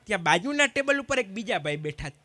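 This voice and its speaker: Man, stand-up comedian, very high voice, dry sound, acts out both sides of each dialogue. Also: big pitch swings, bright, forceful tone, no echo. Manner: quick anecdotal storytelling, acting out both sides of each exchange. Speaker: stand-up comedian at a community gathering. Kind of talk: live stand-up joke telling.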